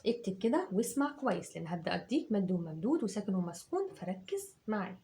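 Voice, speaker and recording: An Egyptian woman teacher dictating words to children, patiently breaking them into drawn-out syllables and repeating them. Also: mid-range voice, big pitch swings, warm tone. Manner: slow, syllable by syllable, drawn-out sounds.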